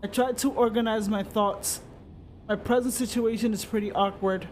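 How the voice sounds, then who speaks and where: High-voiced man reading a story aloud. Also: normal speed, a little hiss or hum. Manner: steady reading with occasional slips and restarts. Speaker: streamer.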